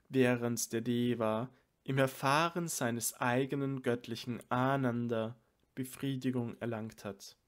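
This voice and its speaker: A man's voice: medium pitch, lightly acted. A man reading as a teasing monk companion.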